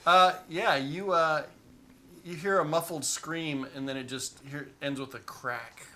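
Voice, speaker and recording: A man running a tabletop game as game master, narrating scenes in an animated, playful way. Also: fairly high pitch, measured pace, slight background noise.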